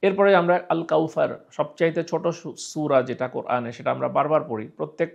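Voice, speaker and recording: A man from Bangladesh teaches Quran recitation. He has a gravelly voice that sits a little high for a man. He repeats each sound slowly as a drill and answers his own questions. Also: muffled recording. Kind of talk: explaining pronunciation with recited examples.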